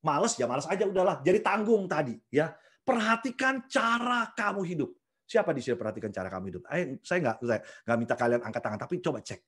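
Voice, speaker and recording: A man's voice: medium pitch, lively intonation, rapid-fire, few pauses. A man with an Indonesian accent preaching casually in a video church service, mixing in English phrases and acting out prayers. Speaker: pastor. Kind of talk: sermon over video call.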